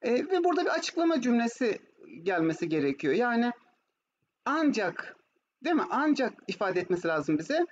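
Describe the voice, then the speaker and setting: Teaching German in an online video class with screen share, a high-voiced Turkish woman explains things in Turkish and gives examples in German, frequently checking understanding with questions. She is very animated and keeps a moderate pace. The call audio is muffled and noisy.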